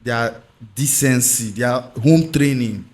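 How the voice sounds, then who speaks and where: Nigerian podcast host, medium-pitched man. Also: slow, darkish tone. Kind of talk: discussion in English mixed with Nigerian Pidgin.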